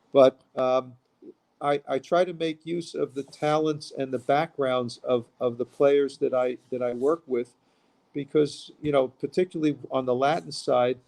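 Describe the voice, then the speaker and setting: A man's voice: mid-range voice, fairly even intonation, unhurried, gravelly, darkish tone. A man from Queens, a musician talking casually as an interview guest. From Queens, New York.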